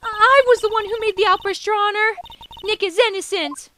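A woman voicing a spunky, loyal teenage girl sidekick in a courtroom game, in a shrill, insistent way. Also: normal speed, bright, forceful tone, a little hiss or hum. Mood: earnest. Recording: game music playing behind.

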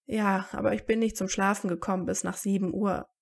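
A woman's voice: mid-range voice, steady tone, brisk, gravelly. A woman reading aloud and voicing a tired teenage boy wizard who talks dryly and sarcastically. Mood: wry, tired. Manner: dry and sarcastic.

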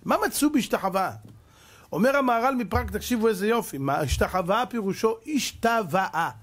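A middle-aged rabbi delivers a dramatic sermon, firing rhetorical questions at his listeners. His voice sits high and sounds husky. He swings from loud exclamations down to hushed asides. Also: expressive. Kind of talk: animated Torah lecture.

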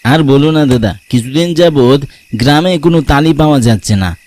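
Young village guy, easygoing and teasing, mellow voice, played by a man for an audio story. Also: on the high side, animated, moderate pace, close to an everyday voice. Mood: glum.

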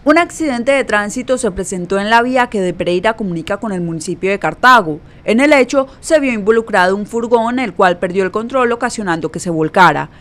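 A woman from Colombia reading a scripted regional news summary in a measured, formal newsreader delivery. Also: mid-range voice. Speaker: news presenter.

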